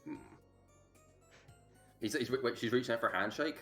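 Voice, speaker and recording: A man playing a tabletop game over voice chat, animated and jokey. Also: mid-range voice, normal speed, faint music behind. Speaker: player.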